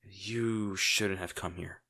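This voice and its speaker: A man plays a crime-boss villain in an intimate audio roleplay, sardonic and full of dramatic pauses while secretly tender and worried. His deep voice sounds pushed, bright and exaggerated.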